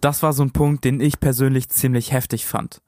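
A man's voice: mid-range voice, level tone, a little fast, mellow, slight background noise. A man telling stories as a podcast co-host, in a conversational narrating style.

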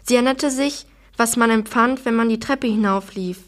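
A woman reads a children's novel aloud in a steady storytelling voice. Her voice sits a little high and keeps an even, gentle flow. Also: normal speed.

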